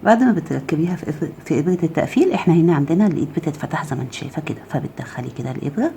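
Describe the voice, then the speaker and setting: A woman's voice: low voice, expressive, rapid-fire, gravelly, a little hiss or hum. A woman with an Egyptian Arabic accent gives a step-by-step crochet tutorial, counting stitches aloud and often checking "okay?". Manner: drops to a soft murmur while handling the work. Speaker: crochet teacher.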